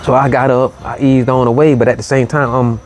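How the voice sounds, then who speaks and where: A man hosting a late-night show, telling a story in a relaxed, easygoing way, with lots of "you know" and "man". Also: medium pitch, fairly quick, soft background music. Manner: laid-back, drawling, full of "you know" and "man". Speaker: host.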